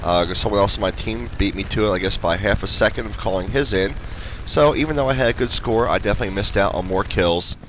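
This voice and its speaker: Sounding congested, a young male gaming host talks casually over gameplay with lots of fillers as game gunfire rings out behind him. His voice is fairly low and fairly bright, and he speaks fast.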